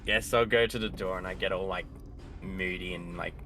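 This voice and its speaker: A man's voice: deep voice, fairly even intonation, normal speed, sharp tone, soft background music. A man chatting casually as a player in a tabletop role-playing game.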